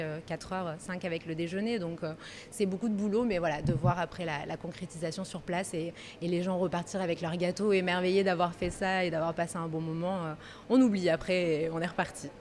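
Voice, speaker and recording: A fairly low, slightly mellow female voice comes through with a little hiss or hum. The speaker, a pastry workshop manager in her thirties from Marseille, France, gives a casual interview, talking easily but with some hesitation as she thinks out loud.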